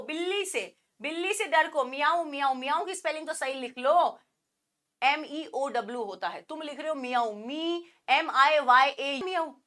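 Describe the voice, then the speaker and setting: A woman teaching an online exam-prep class, teasing her students and peppering them with quick questions. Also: sits high, pushed and bright. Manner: playful and teasing, imitates animal sounds; asks the class many rhetorical questions.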